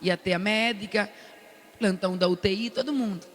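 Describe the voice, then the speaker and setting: An older woman with a Brazilian accent giving an animated testimony at a prayer meeting, acting out the lines she quotes. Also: mid-range voice, normal speed, long reverb tail. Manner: animated storyteller who loudly acts out the quoted lines. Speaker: prayer group speaker. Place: large cathedral.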